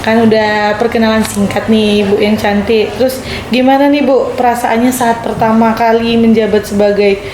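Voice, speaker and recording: A woman's voice: on the high side, steady tone, moderate pace. A young adult woman hosting a casual podcast interview, cheerfully prompting her guest with short replies. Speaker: podcast host. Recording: echoey room with background noise.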